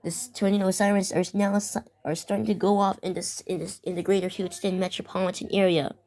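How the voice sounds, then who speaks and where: This amateur creator, a teenager or young adult woman, narrates an invented emergency alert, partly improvising and partly reading weather warnings. She speaks a little fast in a flat, mid-range voice, stumbling and repeating herself over loud background music.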